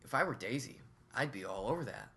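A man's voice: on the low side, sing-song, quick pace, creaky, bright, forceful tone. Man making dry joking asides. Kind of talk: casual chat.

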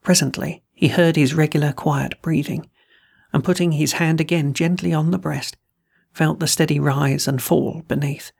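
A host reading a classic ghost story aloud, with measured, deliberate storytelling. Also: medium pitch, fairly even intonation, vocal fry, darkish tone, slightly rough. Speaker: host and reader of a horror story.

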